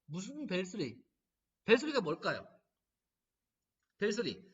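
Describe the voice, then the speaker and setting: A man's voice: sits high, measured pace, breathy edge. A man lecturing as a laughter therapist, telling stories and acting out the lines people say. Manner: animated storytelling, acting out quoted lines. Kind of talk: humanities lecture. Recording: dull, distant lo-fi recording.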